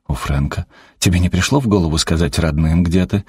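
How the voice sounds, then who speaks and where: A man's voice: low voice, brisk, darkish tone, husky, dry recording, studio quality. A man playing a resentful grown son who speaks in a sarcastic, accusing tone.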